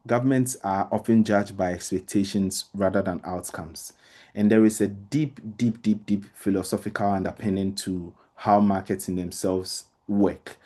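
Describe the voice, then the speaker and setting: Male trainer, informal lecturer. Dark, relaxed, lowish voice; leans on repetition to drive points home. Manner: repeats words and phrases for emphasis; addresses listeners directly with everyday examples.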